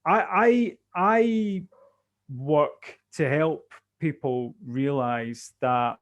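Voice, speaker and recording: A man's voice: a little high, extremely slow, muffled recording. A man with a Glaswegian Scottish accent giving conversational interview answers as a business coach, often repeating words as he thinks aloud.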